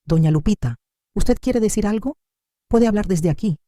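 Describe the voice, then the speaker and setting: A woman voices a firm, formal police officer in an audio story, using a medium-pitched, mellow voice with lively intonation at normal speed. She pitches it slightly above her own voice, yet it stays close to an everyday sound. The studio recording is clean, with no room sound.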